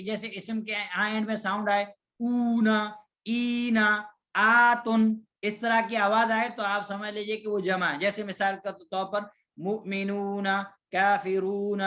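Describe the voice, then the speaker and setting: A man teaching an online Arabic grammar lesson. He asks questions and answers them himself, and he repeats terms and draws out example words slowly. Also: high voice, sharp tone, echoey room, poor audio.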